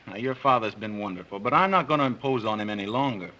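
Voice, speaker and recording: Bright-voiced, earnest young husband. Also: male voice, fairly low pitch, fast, highs cut off. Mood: protesting. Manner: earnest, protesting. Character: proud, earnest young husband eager to earn his living. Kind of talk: early 1930s film acting.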